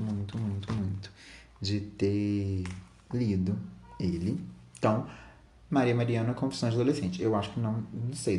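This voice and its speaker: A man's voice: fairly low pitch, mellow, reverberant, a little hiss or hum. A man reading a book aloud and chatting about it with his audience. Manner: chatty, addresses viewers as "gente".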